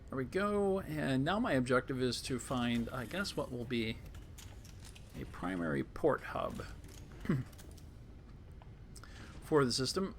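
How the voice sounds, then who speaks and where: A man commenting on his live gameplay in a low-key way, thinking aloud and greeting chat, with a voice that is going hoarse. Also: animated, takes it slowly, long pauses, slight background noise. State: losing his voice. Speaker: game streamer.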